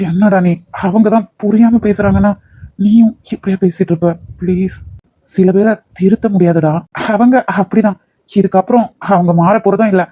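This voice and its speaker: A man's voice: sits high, mellow, dry recording, low-quality recording. Man voicing a protective young cartoon husband. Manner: firm yet soothing. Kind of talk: cartoon voice acting.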